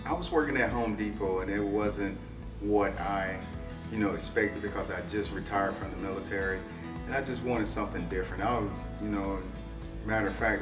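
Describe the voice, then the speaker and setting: A man, a retired soldier now leading a team, talking casually with many fillers in an employee interview. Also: fairly low pitch. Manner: casual, many "you know"s. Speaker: team leader, military retiree. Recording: roomy, distant mic, music behind.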